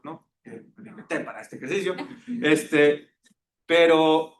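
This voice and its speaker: Guy teaching a class, kinda high voice, roomy echo and faint rumble behind. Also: a bit bright. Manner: engaging, keeps checking in with tag questions. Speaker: lecturer. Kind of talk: classroom lecture.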